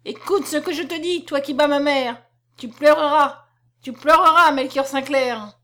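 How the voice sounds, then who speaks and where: A woman's voice: high voice, fairly quick, pitched above the performer's own voice, close to an everyday voice. A woman reading aloud, voicing a desperate young woman who pleads and cries out at a locked door. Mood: furious.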